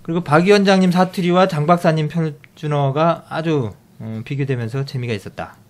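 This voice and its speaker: A middle-aged man with a slightly high voice hosts a casual podcast, reading out listener comments and news. His speech is halting, full of fillers and restarts.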